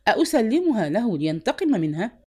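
A woman's voice: on the high side, sing-song, brisk, darkish tone, husky. A woman voicing a stern male neighborhood chief who talks firmly and scolds, in an audiobook reading. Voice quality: firm, scolding.

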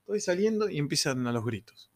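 A man's voice: on the high side, brisk. A young man with a Rioplatense Spanish accent telling funny anecdotes in a casual, slangy way, laughing as he goes. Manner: laughing, slangy, animated retelling with quoted voices. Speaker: storyteller.

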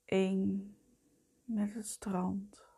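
A woman leading a guided meditation in a soft, breathy voice that often fades towards a whisper, soothing, gentle and unhurried. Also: mid-range voice, level tone. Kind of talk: slow guided meditation narration.

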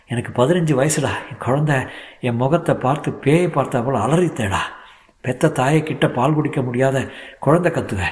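A man's voice: medium pitch, lightly acted. Male reader playing a heartbroken old grandmother, defiant and pleading. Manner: pleading and scolding, tearful.

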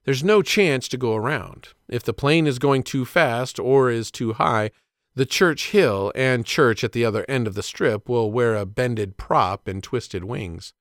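A man narrating a personal story about himself as a father in measured, plainspoken scripted narration. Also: mid-range voice, dry recording, studio quality.

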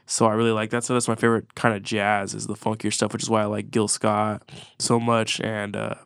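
A man's voice: fairly low pitch, level tone, a little fast, gravelly, fairly bright tone, clear, resonant tone, no echo, clean studio sound. Congested man rambling about music. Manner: rambling, swears freely, many restarts. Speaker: podcast co-host. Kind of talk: casual chat about music.

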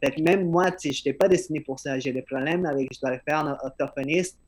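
Male podcast host with an accent, slightly high voice, a bit slurred, earnest and frank. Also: fast, darkish tone. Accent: non-native-sounding French accent. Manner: earnest, frank, repeats words when starting a thought. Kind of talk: casual podcast conversation.

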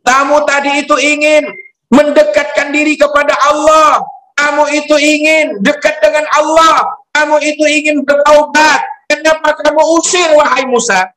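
Stern archangel, very high and strained, blunt slangy scolding, echoey room. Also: male voice, slow pace, pauses often, bright, forceful tone, heavily acted.

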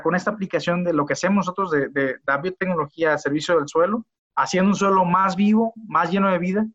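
A man speaks as a guest in a casual podcast interview. His voice sits a little high, and he talks earnestly, doubling words as he restarts his sentences. The audio is dull and lo-fi. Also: a bit bright.

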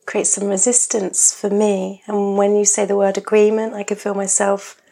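Croaky-voiced woman hosting a talk show. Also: medium pitch, monotone, moderate pace, dark tone. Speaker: podcast host. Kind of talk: conversational interview.

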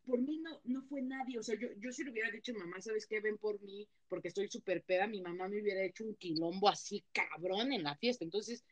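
A young woman with a Mexican accent chats casually as a podcast co-host. She tells her stories in a loose, slangy way, full of fillers and restarts, at an ordinary middle pitch. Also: a little fast, hardly any pauses. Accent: Mexican Spanish. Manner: chatty, slangy storytelling with many fillers. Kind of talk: casual chat.

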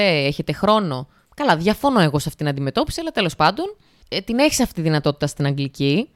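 A woman's voice: medium pitch, no echo, clean studio sound. A young woman hosting a casual solo podcast, chatty and speaking to her listeners directly with lots of filler phrases. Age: young adult. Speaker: podcast host.

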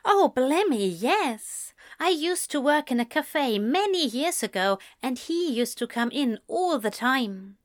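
A woman's voice: high voice, takes it slowly, hardly any pauses, dry recording, clean studio sound, pitched above the performer's own voice, full character voice. A woman voicing a chatty, gossipy motherly cook. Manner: gossipy, lively and confiding.

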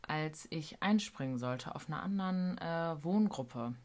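Casting: woman, low voice, slangy storyteller, casual podcast co-host. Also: measured pace. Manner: animated storytelling, acting out quotes, slangy. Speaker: podcast co-host, care worker.

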